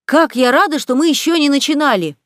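A woman doing lively, loud Jo. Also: fairly high pitch, brisk, no room sound, clean studio sound, lightly acted. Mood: excited. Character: lively outspoken teenage girl Jo.

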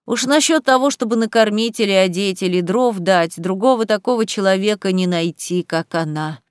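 A woman's voice: medium pitch, moderate pace, clean tone, dry recording, studio quality, close to an everyday voice. A woman reading aloud, voicing a loyal old housekeeper who talks plainly and emphatically. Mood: admiring.

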